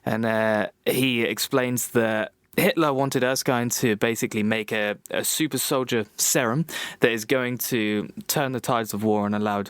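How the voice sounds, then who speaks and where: A man co-hosting a podcast from home over an internet call chats casually about a film, eagerly retelling scenes and apologising as he goes. His mid-range voice is steady, unhurried, a bit bright and clean, with hardly any pauses, and his home mic on the video call picks up no echo.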